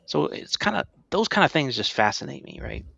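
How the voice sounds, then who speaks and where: This middle-aged co-host's mid-range voice swings widely in pitch, runs a little fast, and sounds gravelly and a bit bright. He explains things casually on a podcast, checking in with "right?", in a dry, lo-fi recording.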